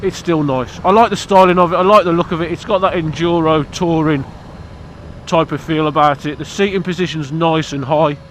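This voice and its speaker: Talking to camera outdoors about his motorbike, a British vlogger with hay fever is blunt, cheeky and rambling. His fairly high, bright voice stays steady and brisk over a little hiss or hum.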